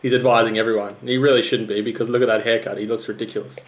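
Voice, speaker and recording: A man's voice: on the low side, flat delivery, rapid-fire. Australian male co-host, dry and teasing, dull lo-fi sound. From Melbourne. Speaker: podcast co-host. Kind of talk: casual banter. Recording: dull lo-fi podcast audio.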